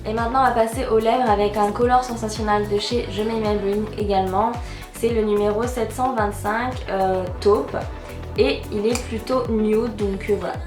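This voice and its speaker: A woman's voice: medium pitch, fairly even intonation, moderate pace. A young woman giving a casual makeup tutorial as a beauty vlogger, chatty and full of fillers like "euh" and "donc voilà". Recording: roomy voice with loud background music. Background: background music.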